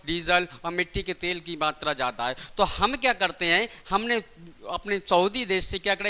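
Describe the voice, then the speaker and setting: A physics teacher coaching for exams teaches a class in a high, pushed, bright and smooth voice. He asks questions and answers them himself, repeating key points through simple everyday examples.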